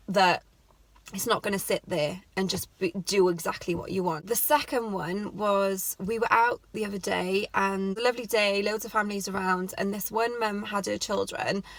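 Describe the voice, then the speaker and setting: A woman talks straight to camera, offering earnest, chatty parenting advice and often saying "like" and "you know". Her voice sits at a middling pitch. The recording is close and dry, with almost no room sound. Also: a bit bright, no echo, poor audio. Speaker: parenting vlogger. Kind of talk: advice vlog, talking to camera.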